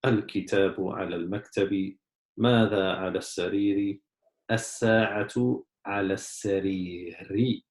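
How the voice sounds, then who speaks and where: A man's voice: deep voice, fairly even intonation, unhurried, reverberant. A man teaching an Arabic lesson, patiently explaining in English and Arabic. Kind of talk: online language lesson.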